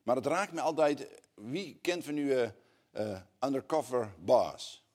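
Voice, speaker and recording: Dutch-speaking preacher, hushed to fervent. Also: male voice, mid-range voice, lively intonation. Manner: swings from hushed, slow passages to loud, rising appeals. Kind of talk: sermon.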